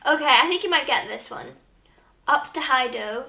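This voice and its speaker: Woman, teasing vlog host, bright gravelly tone, echoey room, slightly off-mic. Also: high-pitched, expressive, normal speed, distant mic, a little hiss or hum. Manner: playful, teasing, laughs often. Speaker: vlogger quizzing her partner. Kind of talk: casual teasing chat.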